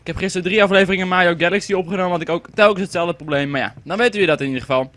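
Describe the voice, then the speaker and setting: A man's voice: high-pitched, very fast, fairly bright tone, no room sound. A young man giving casual, rambling commentary while playing a game, and swearing when it lags. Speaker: gaming commentator. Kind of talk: casual let's-play commentary.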